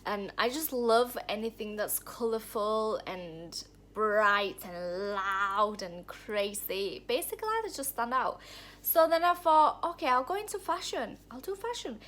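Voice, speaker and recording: A Thai vlogger, with Thai as her first language, speaks to the camera in a room at home, telling her own story honestly and from the heart as she rambles and restarts her sentences. Her voice is a little high and fairly bright, with a measured pace.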